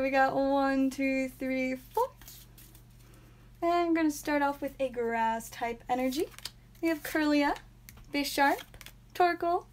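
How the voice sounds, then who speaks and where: A young woman hosting a live stream from a small home room, chatting casually and naming each card aloud with bursts of excitement. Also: high-pitched, slight background noise. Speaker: live stream host opening card packs.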